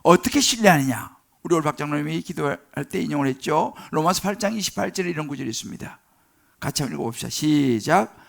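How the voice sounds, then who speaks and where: A middle-aged man preaching a sermon as pastor, swelling loud and high on key words and telling stories with chatty asides and tag questions. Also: very fast, creaky.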